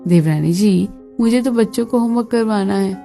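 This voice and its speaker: A woman's voice: medium pitch, normal speed, creaky, warm tone, soft background music, close to an everyday voice. A woman voicing a lazy, mocking elder sister-in-law in a cartoon, with a smug, teasing tone.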